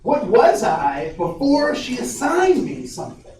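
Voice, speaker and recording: In a large, echoing room, an energetic man from Ohio, USA, gives an interactive workshop talk as a diversity trainer, frequently restarting and putting questions to the audience. His pitch is extremely high and his pace a little slow. The very echoey recording places him at a distance, with faint noise.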